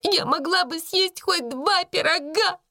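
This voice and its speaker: A woman's voice: measured pace, bright, forceful tone, dry recording, studio quality, exaggerated voice. A woman doing a sobbing poor servant girl. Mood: despairing. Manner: high tearful pleading.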